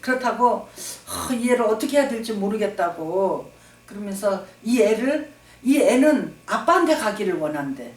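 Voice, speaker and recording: A woman's voice: medium pitch, animated, normal speed. A woman pastor preaching emphatically, repeating phrases for stress and calling for amens. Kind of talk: sermon. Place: church sanctuary. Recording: echoey hall, distant mic.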